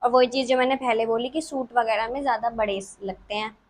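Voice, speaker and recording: A twenty-year-old woman vlogger chats casually in her bedroom, answering follower questions while giggling and poking fun at herself. Her voice is on the high side with a steady tone, and she talks briskly.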